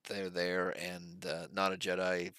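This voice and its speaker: Deep-voiced man rambling through a recap. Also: monotone, unhurried, fairly bright tone, clear, resonant tone, dry recording. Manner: rambling with many fillers and restarts; wry, dry sarcasm. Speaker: TV episode reviewer. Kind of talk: casual spoken recap.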